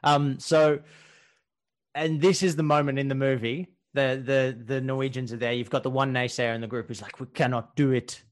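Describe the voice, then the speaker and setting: Animated laughing male podcast storyteller. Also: medium pitch, moderate pace. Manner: animated storyteller, laughs often, swears casually. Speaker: podcast co-host telling history stories. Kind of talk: casual chat.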